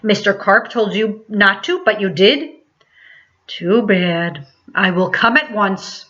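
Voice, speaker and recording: A woman's voice: medium pitch, lively intonation, slow, bright, forceful tone. A woman voicing an incredulous, helpful policeman in a children's story, exclamatory yet matter-of-fact. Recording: dull lo-fi sound.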